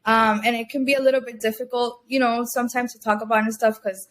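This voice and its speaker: A woman's voice: a little high, level tone, quick pace, fairly bright tone. A young woman from Cuba, a guest entrepreneur talking casually in an interview, chatty and full of fillers and restarts. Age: young adult. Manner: chatty, many fillers and restarts, laughs often.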